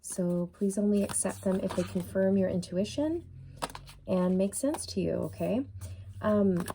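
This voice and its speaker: Slight background noise sits under a woman's medium-pitched, dark voice. Doing an easygoing tarot reading, she muses slowly with plenty of fillers and says she's losing her voice.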